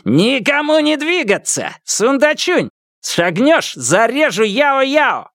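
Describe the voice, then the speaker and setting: A man's voice: mid-range voice, sing-song, unhurried, dry recording, studio quality, pitched above the performer's own voice. A man voicing a vengeful male hostage-taker who barks orders and taunts. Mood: frantic threats. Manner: barking, taunting, menacing.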